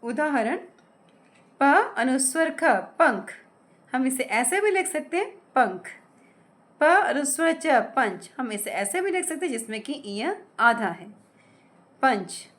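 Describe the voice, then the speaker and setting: Lively, slow-spelling woman grammar teacher. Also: high-pitched. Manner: slow, careful syllable-by-syllable spelling of words; asks questions and answers them herself. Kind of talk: explaining lesson with examples.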